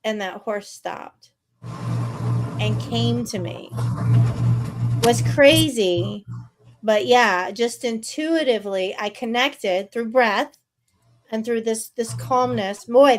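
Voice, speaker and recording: This is a woman in her fifties with a slightly high voice, speaking frankly in a casual conversation. She tells her story with plenty of animation and nothing held back. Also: slow pace, a little hiss or hum, low-quality recording. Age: 50s.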